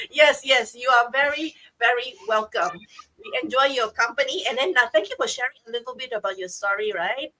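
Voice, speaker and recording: A woman's voice: fairly high pitch, moderate pace, pushed and bright, rough recording. A middle-aged woman from Singapore with a Singaporean English accent, hosting a live-streamed chat on a video call in a bubbly, upbeat way. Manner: upbeat, bubbly hosting with frequent checks like okay and right. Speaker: livestream host.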